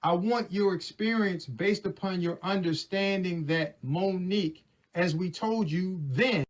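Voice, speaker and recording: On a recorded phone call, a man with a high voice argues in an unhurried way. He keeps pressing his questions and repeating himself throughout the heated dispute.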